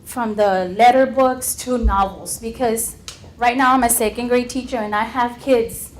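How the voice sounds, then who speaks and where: A woman's voice: fairly high pitch, steady tone, moderate pace, slight background noise. A woman who teaches second grade, speaking casually as a panelist. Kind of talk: conversational panel answer.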